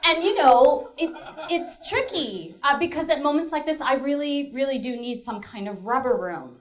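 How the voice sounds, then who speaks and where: A woman's voice: high-pitched, expressive, normal speed. A woman performing a one-woman stage show, chatty and self-mocking, talking straight to the audience. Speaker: comedic performer.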